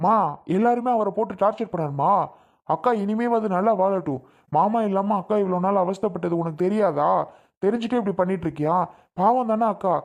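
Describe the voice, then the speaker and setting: A man's voice: sits high, brisk. A man playing an earnest pleading young man. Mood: reproachful. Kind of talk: family drama skit.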